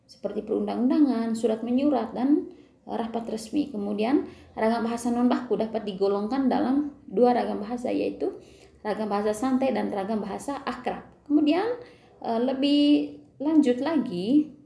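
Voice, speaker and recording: A woman teacher giving a recorded lesson to students, explaining patiently, asking them questions and pausing on fillers. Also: fairly high pitch, vocal fry, mellow, roomy sound.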